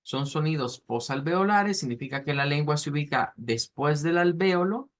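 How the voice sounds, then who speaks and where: A man teaching a language class, explaining pronunciation slowly and patiently, with frequent fillers and restarts. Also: fairly high pitch, lively intonation. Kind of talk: online class lecture.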